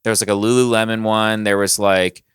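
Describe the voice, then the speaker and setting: A young man co-hosting a casual podcast chat, telling stories in an animated way with lots of fillers. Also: lowish voice, a little fast, clean tone, no room sound, clean studio sound. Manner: animated storyteller, many fillers. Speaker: podcast co-host.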